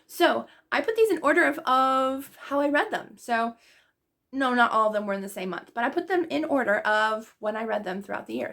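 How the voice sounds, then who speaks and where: A woman's voice: a little high, creaky, fairly bright tone. A woman book vlogger chatting casually about books she loved, gushing and full of fillers. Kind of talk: casual book review chat.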